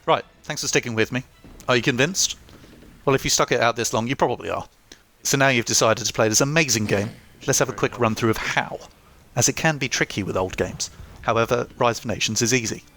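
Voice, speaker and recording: A man's voice: mid-range voice, a little fast, bright, forceful tone. A young man reading a scripted game review with dry, self-mocking humour. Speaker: gaming YouTuber.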